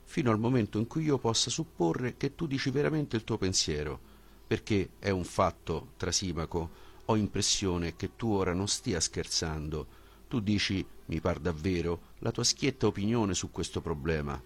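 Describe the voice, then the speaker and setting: A man reading a philosophical dialogue as an audiobook, with a measured, questioning delivery. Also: sits low, husky. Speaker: audiobook reader.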